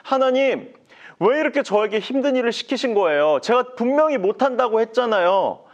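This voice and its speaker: A man's voice: very high-pitched, lively intonation, normal speed, highs cut off, voice pushed up. A man voicing the prophet Moses as an anxious, whiny adult man in a children's Bible story. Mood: pleading. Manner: whiny, fretful pleading.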